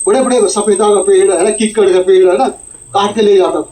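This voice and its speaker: A man's voice: sits high, steady tone, brisk, dark tone, roomy sound, far from the mic, low-quality recording. A man in his sixties telling a rambling testimony at a church meeting, with many repeated tag questions. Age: 60s. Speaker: church elder giving testimony. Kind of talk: testimony sermon with storytelling.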